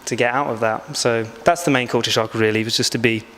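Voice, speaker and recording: A man's voice: medium pitch, fairly even intonation, fairly bright tone. Guy in his 20s, thoughtful, lots of ums, sounds like a big echoey hall. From England. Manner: reflective, unhurried, hesitant with many fillers. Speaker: backpacker interviewee. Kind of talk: casual interview answers. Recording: long hall reverb.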